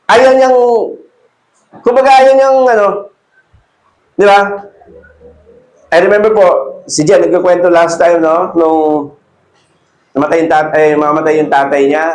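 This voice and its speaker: A man preaching a sermon as pastor. He reads Bible verses slowly, mixes Tagalog and English, and rises in pitch and volume when he urges the listeners on. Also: echoey room, low-quality recording. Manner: rises and grows louder when exhorting. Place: church hall.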